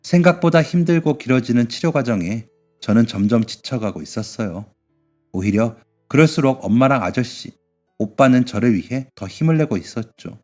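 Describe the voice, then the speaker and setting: A man reading a scripted first-person story in an even, measured way. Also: medium pitch. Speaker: story narrator. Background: faint music.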